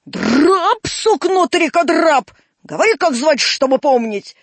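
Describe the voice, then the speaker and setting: A woman voicing a gruff one-eyed old male waterworks keeper in a storybook reading, hoarse and scolding. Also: high voice, animated, measured pace, no echo, voice pushed up. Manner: shouting and scolding.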